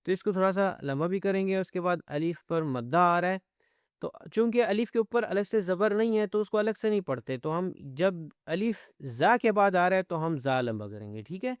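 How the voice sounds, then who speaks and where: High-voiced man teaching Quran recitation. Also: lively intonation, clean tone, no room sound, studio quality. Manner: explains each letter, then recites verses slowly in a drawn-out chant. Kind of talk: step-by-step recitation lesson.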